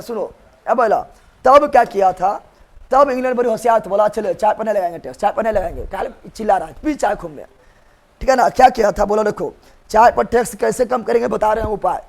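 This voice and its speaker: A man with a Bihari accent teaching a live exam-prep history class, animated, often repeating questions and acting out quotes in rustic dialect. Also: high voice, creaky. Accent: Bihari Hindi.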